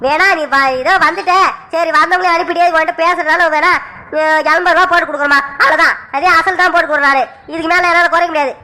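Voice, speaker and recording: A woman's voice: very high voice, fairly even intonation, pushed and bright. A woman voicing a young male clay idol seller in a cartoon who is impatient and haggles hard over prices. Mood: firm. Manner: impatient, haggling, rushes customers. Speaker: shopkeeper. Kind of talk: cartoon voice acting.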